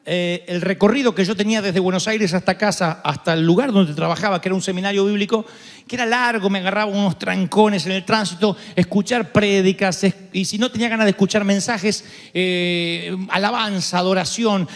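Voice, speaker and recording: Un pastor argentino de voz aguda predica con una energía teatral, alternando relatos con humor y gritos repentinos. Su voz resuena con una larga reverberación, como en un gran salón de iglesia. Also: male voice, high-pitched, fairly quick. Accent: Argentine Spanish. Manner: animated storytelling with sudden shouts and humor. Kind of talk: sermon. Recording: long reverb of a large hall.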